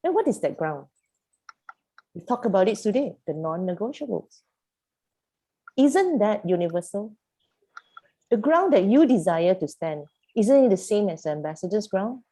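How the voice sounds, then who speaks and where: A woman's voice: mid-range voice, big pitch swings, moderate pace, pauses often, mellow, slightly rough. A woman facilitating a youth program over a video call, speaking emphatically and posing one rhetorical question after another. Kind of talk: animated group coaching.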